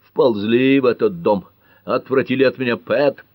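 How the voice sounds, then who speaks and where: A man reading an audiobook, voicing a hot-tempered young prosecutor who speaks fiercely and hoarsely. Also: medium pitch, moderate pace, dry recording, lo-fi sound, pitched above the performer's own voice, lightly acted.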